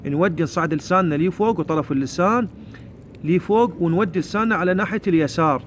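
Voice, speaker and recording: A man with an Iraqi Arabic accent and a fairly high voice teaches Quran recitation. He explains plainly and recites each verse slowly. There is a faint hiss of noise behind him. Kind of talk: spoken tajweed lesson.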